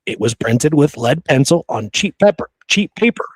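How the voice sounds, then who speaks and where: Co-hosting a history podcast, a man recounts old stories casually and colloquially. His voice is husky, on the high side and sing-song, at normal speed, with no room sound.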